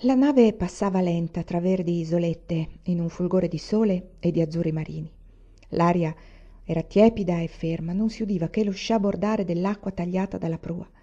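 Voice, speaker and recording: Woman narrating a book, measured, mellow voice, dull lo-fi recording. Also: on the low side. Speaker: reader of audiobooks. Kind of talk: audiobook narration.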